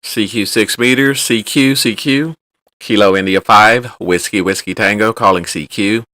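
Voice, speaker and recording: Man making bright ham radio calls. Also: fairly low pitch, normal speed, dry recording. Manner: loud, sing-song repeated ham radio calls. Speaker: amateur radio operator in a contest. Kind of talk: calling CQ on air with phonetic call sign.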